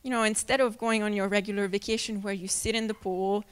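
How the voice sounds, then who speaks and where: A young adult woman with a Hungarian accent giving a friendly, unhurried live talk about travel, with many ums and self-corrections. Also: mid-range voice, fairly even intonation, distant mic. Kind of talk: live presentation to an audience. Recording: echoey hall, mic from afar.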